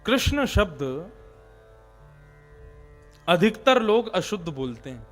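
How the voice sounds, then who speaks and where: A male preacher delivers a devotional sermon, explaining each point with firm emphasis. His voice sits high for a man. Faint devotional music plays under his talk. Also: sing-song, slow pace.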